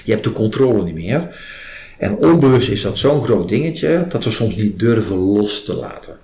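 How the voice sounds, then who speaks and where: Low-voiced man explaining, roomy echo. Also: animated, normal speed, mellow. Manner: acts out example questions and client remarks while explaining. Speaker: trainer in a body-based stress release method, interviewed. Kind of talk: explanatory interview talk. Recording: roomy echo, clear background noise.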